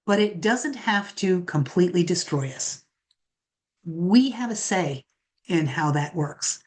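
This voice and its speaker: A woman astrologer talking on an online forum, halting, with many fillers and restarts. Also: lowish voice, expressive.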